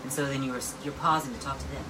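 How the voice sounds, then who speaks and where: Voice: medium pitch, fairly even intonation, very fast, distant mic. A drag performer and show host chatting casually backstage in a campy, theatrical way. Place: backstage dressing room. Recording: noisy room with background ambience.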